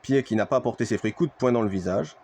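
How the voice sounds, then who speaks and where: A man with a mid-range voice delivers fast play-by-play commentary on a video game wrestling match, addressing his viewers like a ringside announcer and repeating exclamations. Crowd noise can be heard.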